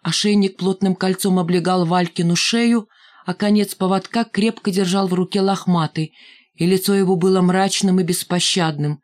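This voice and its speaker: A woman reading an audiobook in a steady, expressive narration. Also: lowish voice, normal speed. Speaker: audiobook reader. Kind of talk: scripted narration.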